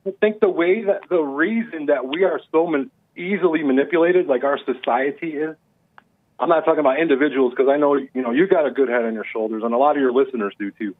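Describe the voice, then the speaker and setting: A man's voice: fairly high pitch, fast talker. A male caller on a speakerphone line, talking earnestly and reflectively from his own experience. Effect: phone on speakerphone. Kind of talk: call-in radio chat. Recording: tinny speakerphone call line.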